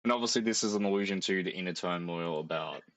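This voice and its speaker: Deep-voiced laid-back podcast man. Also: fast talker, fairly bright tone, no echo. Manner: laid-back recap with frequent agreement. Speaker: podcast host. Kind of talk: casual chat.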